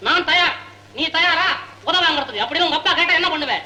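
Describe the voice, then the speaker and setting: A cheeky, scheming young suitor. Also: male voice, very high voice, pushed and bright, slight background noise, exaggerated voice. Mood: teasing. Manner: quick joking banter, teasing. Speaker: comic film character. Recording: echoey old film soundtrack.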